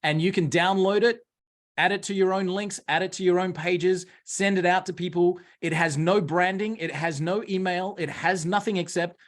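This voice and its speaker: A man's voice: high voice, steady tone, moderate pace. Australian man hosting a live webinar. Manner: coaching, directive, talks while sharing his screen. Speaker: host.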